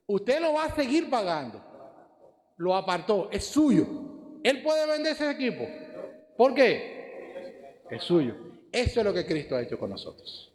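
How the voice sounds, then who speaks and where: A high-voiced man with a Dominican Spanish accent preaches a sermon, his pitch swinging widely as he throws questions at the congregation. His voice rings out through a church hall with a long, lingering reverb. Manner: lively, rhetorical questions to the congregation.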